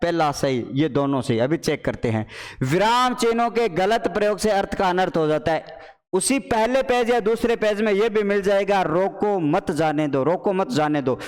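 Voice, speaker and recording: A man teaching a playful, animated online Hindi exam class. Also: high voice, moderate pace, clean tone, long reverb tail. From Rajasthan. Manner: animated, playful, addresses students as children and brothers. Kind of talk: live online exam paper solution class.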